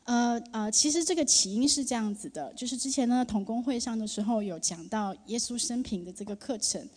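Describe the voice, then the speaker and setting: A woman's voice: a little high, darkish tone. Earnest woman sharing testimony in a reverberant hall. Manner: earnest, emotional, halting with frequent fillers. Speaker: church member giving testimony. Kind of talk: personal testimony to a congregation. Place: church sanctuary. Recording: long reverb of a large hall.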